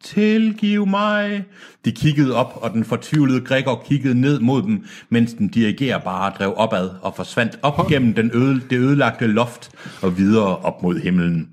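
A man's voice: medium pitch, hardly any pauses. A man reading a book aloud on a podcast, who breaks off to joke and swear. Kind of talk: casual reading with comic asides.

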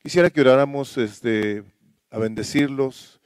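A man in a church thanking the preacher and asking visiting members to stand for prayer, with halting restarts. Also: mid-range voice, clean tone, dry recording. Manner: asks the congregation to stand, halting. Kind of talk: church announcements.

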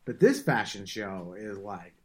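A man's voice: lowish voice, expressive, unhurried, a little mellow. A man hosting a podcast, chatting casually about a film with frequent restarts.

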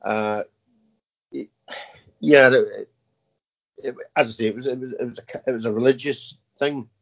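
A man in his fifties, an army veteran, answering interview questions in a halting way with many fillers and repeated words. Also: mid-range voice, steady tone, creaky, fairly bright tone. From Scotland. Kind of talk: casual interview. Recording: muffled lo-fi audio.

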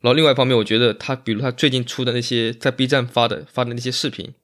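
A man's voice: mid-range voice, steady tone, very fast, a bit bright. A man speaking as an interview guest in a casual chat, explaining things and repeating phrases for emphasis. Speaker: interview guest, magician and bar owner.

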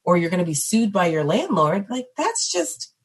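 Woman, husky tone, lively swooping pitch, emphatic and sardonic, casual political chat. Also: moderate pace. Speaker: panelist, teacher.

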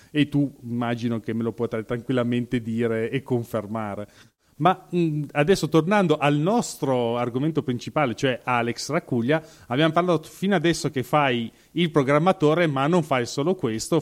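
A man hosting a podcast, interviewing his guest with joking asides. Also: mid-range voice. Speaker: podcast host.

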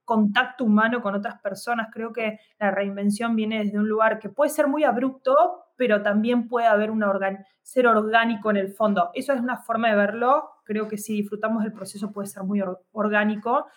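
A woman's voice: mid-range voice, fairly even intonation, normal speed, hardly any pauses. Lady musing on a podcast, says "no?" a lot, mid voice. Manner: reflective, many fillers and tag questions. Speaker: podcast co-host. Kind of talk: casual podcast chat.

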